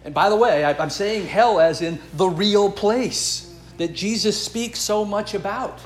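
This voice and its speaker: A man's voice: high-pitched, measured pace, echoey room. A man preaching a sermon as pastor, earnest and emphatic, building and dropping his intensity.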